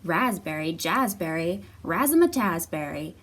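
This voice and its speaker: Speaking a little slowly, a woman with a fairly low, sing-song, slightly bright voice hosts storytime in a library room. She teaches young children and reads a picture book using simple, repetitive, encouraging phrases, recorded via a distant mic in a noisy space.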